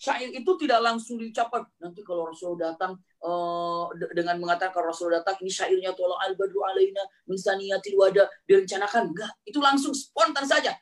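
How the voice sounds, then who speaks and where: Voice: mid-range voice, fairly quick. A preacher telling a religious story as a sermon, repeating key phrases and asking rhetorical questions.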